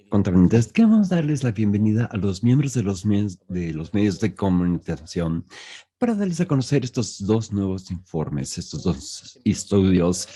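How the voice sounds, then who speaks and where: Mellow-voiced male interpreter, halting delivery. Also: medium pitch. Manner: halting, with restarts and fillers. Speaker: simultaneous interpreter. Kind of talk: live interpretation at an online press conference.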